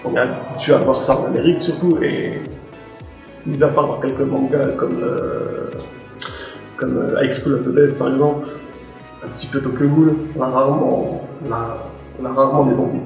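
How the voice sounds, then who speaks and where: A man reviews a book on camera in his role as the library's manga expert, joking around in a chatty way and frequently starting sentences over. He has a medium-pitched, darkish voice with fairly even intonation and a moderate pace. Faint music plays in the echoey room.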